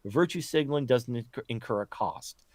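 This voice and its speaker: A man's voice: medium pitch, animated, moderate pace, no echo, clean studio sound. A man as a podcast guest, ranting bluntly in casual political chat, swearing often and restarting his sentences.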